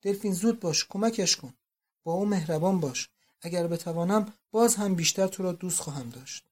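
A frail old father in an audiobook, as the reader puts him on, his voice lifted higher and louder than the narration. He pleads and frets over his daughters in distraught bursts. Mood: alarmed. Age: older. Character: aging doting father, frail and anguished. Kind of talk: audiobook reading.

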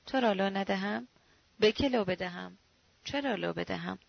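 A woman voicing a middle-aged man who pities and tries to reason with his frightened friend, in a dull, dry recording with a gravelly edge. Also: medium pitch, no echo. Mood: pitying. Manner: pitying, soothing, sometimes roaring. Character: exasperated, pitying middle-aged male friend.

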